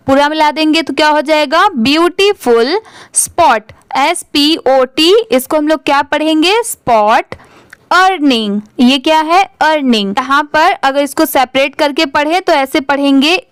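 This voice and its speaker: Young woman, patient reading teacher, drawls words, asks then answers herself, slow pace. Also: high voice, no room sound. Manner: spells words letter by letter, then drawls them out slowly. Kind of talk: slow spelled-out reading lesson.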